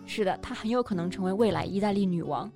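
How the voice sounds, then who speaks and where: A woman's voice: mid-range voice, fast talker. A woman co-hosting a bilingual language lesson, affirming points and adding example sentences. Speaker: co-host and English teacher. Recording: faint music underneath.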